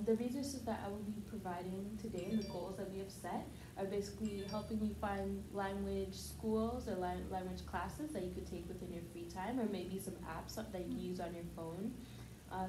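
A woman's voice: mid-range voice, lightly acted. A young woman playing a polite family counselor who hesitates with many ums, in a student skit. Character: calm, patient family counselor. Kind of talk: student skit role-play. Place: classroom with a table. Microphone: far camera. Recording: echoey room, background noise.

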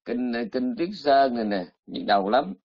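A male monk gives a colloquial dharma talk, chatty and teasing, breaking into exclamations. His voice sits at an ordinary middle pitch. The close, dry recording sounds a little muffled and lo-fi. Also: animated, moderate pace, no echo. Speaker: Buddhist monk teacher.

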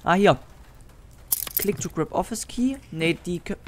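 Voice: mid-range voice, lively intonation, measured pace, a little hiss or hum. Jumpy slang-heavy horror gamer. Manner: jumpy, easily startled, swears and uses youth slang; talks directly to viewers. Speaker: gaming YouTuber. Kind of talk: horror game let's play commentary.

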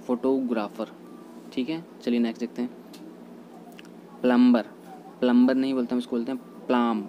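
A man teaching English pronunciation in a lesson, repeating each word slowly and carefully. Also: medium pitch, warm tone, slight background noise, poor audio. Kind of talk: Hindi-language pronunciation lesson.

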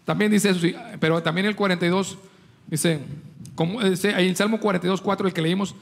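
Pastor, man with a high voice, preaching, quizzing and joking with his flock. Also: steady tone, quick pace, gravelly. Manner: preaching with rhetorical questions to the congregation; jokes with the congregation. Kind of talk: sermon.

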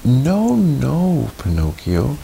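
A man's voice: mid-range voice, wildly swooping pitch, drawn-out words, vocal fry, warm tone, a little hiss or hum, voice pushed up, heavily acted. A man voicing a small, watchful storybook cricket who scolds and warns urgently. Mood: alarmed.

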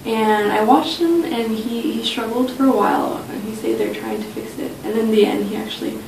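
In a small indoor office meeting room, a young woman who studied abroad shares personal memories in a casual interview. Her voice is a little mellow and moves at a moderate pace. A distant mic picks her up, leaving the sound roomy with a faint low rumble underneath.

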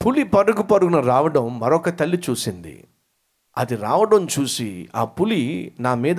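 A man preaching a sermon, telling a story and acting out its dialogue with rising emphasis. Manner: animated, acts out dialogue with rising emphatic pitch. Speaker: pastor.

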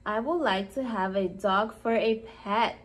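A woman's voice: medium pitch, measured pace, natural voice. A woman voicing a small, cheerful gingerbread boy who talks in a sweet, eager way for young children.

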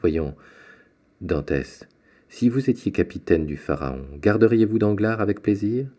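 A man's voice: on the low side, unhurried, warm tone, voice pushed up. A man voicing a jovial, fatherly middle-aged shipowner in an audiobook, hearty and kindly. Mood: paternal. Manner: hearty, paternal.

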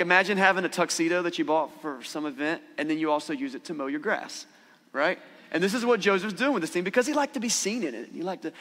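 A man's voice: on the high side, a bit bright. A man in his thirties preaching a sermon as a pastor, talking casually and putting questions to the congregation. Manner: conversational, asks the congregation questions. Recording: church hall with long reverb.

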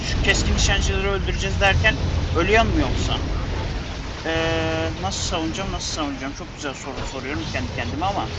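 A man's voice: high voice, noisy background. A man giving casual let's-play commentary, muttering to himself in exasperation and urging his units on. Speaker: gameplay commentator.

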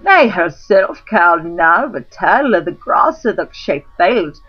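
A woman's voice: lowish voice, sing-song, slow, husky. Woman reciting in Middle English, slightly muffled. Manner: reciting in Middle English pronunciation with archaic vowels. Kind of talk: recitation of a medieval religious prose text. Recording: slightly dull lo-fi recording.

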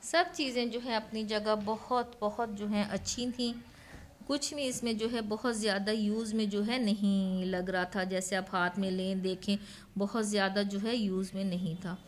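A woman's voice: mid-range voice, steady tone, moderate pace, slight background noise. A woman, narrating a casual shopping vlog from an outdoor market and leaning on the filler "jo hai" again and again. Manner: chatty, leans on the filler "jo hai" a lot. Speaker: vlogger. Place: open-air flea market stalls outdoors.

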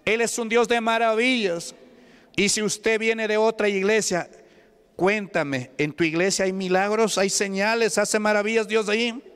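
A high-voiced Peruvian man preaches to his congregation, firing questions at them and waiting for their answers. His tone is smooth and resonant, and a long church-hall reverb trails every line. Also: fairly even intonation, measured pace, a bit bright. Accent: Peruvian Spanish. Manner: questioning the congregation, call-and-response. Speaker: pastor. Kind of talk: Pentecostal sermon.

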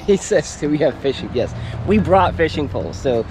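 A man's voice: fairly high pitch, very animated, moderate pace. A man hosting a casual outdoor vlog by the sea, chatting and reacting with enthusiasm. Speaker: outdoor adventure host. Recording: outdoor wind and boat-like ambient noise.

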